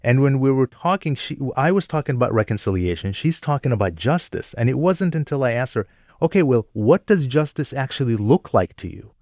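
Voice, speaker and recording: A man from Jordan telling personal stories in a relaxed radio conversation, thoughtful and quick to laugh. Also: medium pitch, dry recording, studio quality. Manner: thoughtful, self-reflective, laughs easily.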